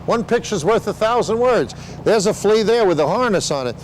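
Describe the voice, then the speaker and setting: A man's voice: sits high, lively intonation, a little fast, a little hiss or hum, poor audio. An older man explaining things in a casual interview, with rambling showman patter and joking asides. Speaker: veteran sideshow talker explaining flea circus.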